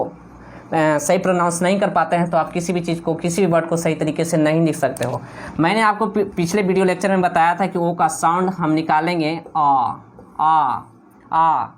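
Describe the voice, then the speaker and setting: A man teaching English grammar in a video lecture, asking questions and answering them himself, insistently correcting pronunciation. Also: high voice. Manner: asks students questions and answers them himself, repeating words slowly.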